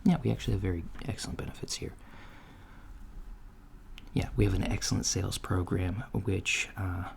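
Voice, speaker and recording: A soft-spoken man with a deep voice and vocal fry speaks haltingly and hesitantly in an improvised ASMR roleplay. He plays a polite, businesslike manager of an alien store who is interviewing a job applicant. The lo-fi recording carries steady background noise, with a computer keyboard typing behind him.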